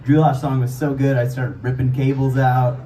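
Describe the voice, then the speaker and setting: A man's voice: mid-range voice, flat delivery, normal speed. A man, a musician, improvising sung lines and joking with the crowd in a playful, freewheeling way at a live venue. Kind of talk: improvised singing and stage banter. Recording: echoey live venue from far off. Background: loud live guitar.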